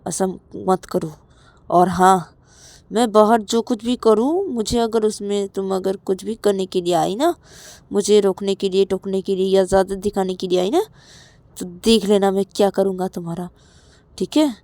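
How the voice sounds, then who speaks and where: A woman's voice: mid-range voice, steady tone, dark tone, no echo, close to an everyday voice. A woman voicing a domineering, threatening young male lover who gives harsh orders. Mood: menacing. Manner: harsh, menacing, rapid-fire demands.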